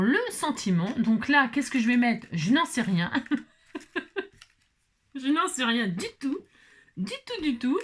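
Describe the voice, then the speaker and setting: A woman's voice: on the high side, fairly bright tone, husky. An older woman hosting a casual crafting tutorial, talking chattily to her viewers. She rambles, corrects herself often and laughs lightly as she works. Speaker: craft video host.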